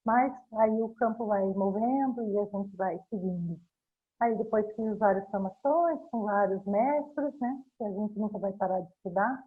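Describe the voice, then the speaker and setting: A woman's voice: medium pitch, normal speed, slightly rough. A woman introducing herself earnestly to a workshop group over a video call. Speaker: therapist, workshop participant. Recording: phone-like, thin audio.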